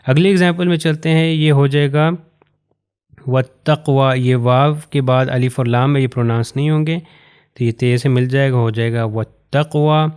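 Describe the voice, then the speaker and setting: A man from Pakistan, teaching Quran recitation patiently and step by step, pointing to written examples and slowing down to recite phrases carefully. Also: medium pitch, fairly even intonation, a little mellow, smooth. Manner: slows down to recite Arabic phrases with care. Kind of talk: recorded lesson explaining to learners.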